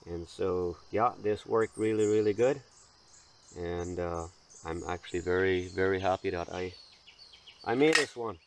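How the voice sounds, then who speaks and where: A man's voice: low voice, a little hiss or hum. A young man who is not a native English speaker, talking casually to the camera by a river, often repeating words. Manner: halting, repeats words, relaxed. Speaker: vlogger. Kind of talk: casual solo camping vlog. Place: outdoors by a river. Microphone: camera mic close in front. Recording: outdoor camera audio, faint birds and insects.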